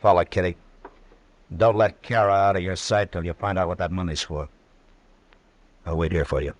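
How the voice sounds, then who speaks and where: A man playing a calm, authoritative frontier marshal in a radio western, with an American accent and a measured, laconic delivery. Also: low voice, highs cut off, natural voice. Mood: firm, probing. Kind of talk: 1950s radio western acting.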